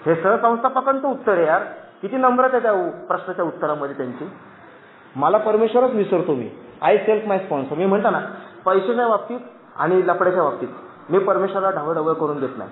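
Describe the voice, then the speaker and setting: A man's voice: high voice, lively intonation, a little fast, slight background noise. A man in his thirties from Maharashtra giving an earnest, emphatic personal testimony to a meeting from a dais, often calling out to his friends. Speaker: recovery meeting speaker. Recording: echoey, tinny phone-like recording.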